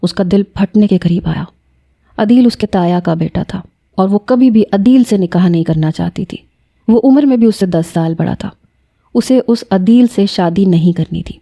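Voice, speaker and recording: Woman narrator for an episodic romance read, mellow and steady. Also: medium pitch. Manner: steady, dramatic storytelling. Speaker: novel narrator. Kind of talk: reading a romance novel aloud.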